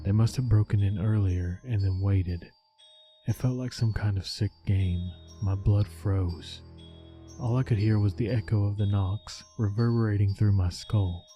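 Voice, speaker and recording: A man narrating a scripted first-person scary story in a low, haunting, measured voice. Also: fairly even intonation, warm tone. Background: background music.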